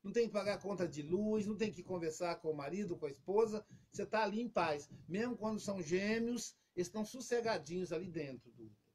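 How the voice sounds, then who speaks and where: High-voiced man telling a story. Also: quick pace, husky. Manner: lively storyteller, acts out quotes. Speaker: interview guest. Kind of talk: casual explanatory storytelling.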